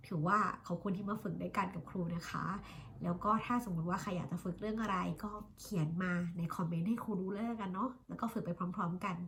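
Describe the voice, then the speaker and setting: A Thai woman in her thirties, an English teacher, talking casually about her studies and slowly drilling the pronunciation of English words. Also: on the low side, a little hiss or hum. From Thailand. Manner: chatty, self-reflective, drills words slowly by repeating them. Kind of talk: casual vlog-style lesson.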